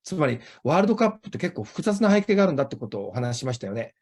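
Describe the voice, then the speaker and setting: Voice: mid-range voice, big pitch swings, very fast, a little mellow. An interview host, a native Japanese speaker with a Japanese accent, talking in a conversational style.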